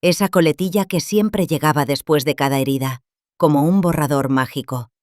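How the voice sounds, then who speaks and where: An older woman calmly narrating her own story in the first person, measured and scripted. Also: low voice, dry recording, studio quality.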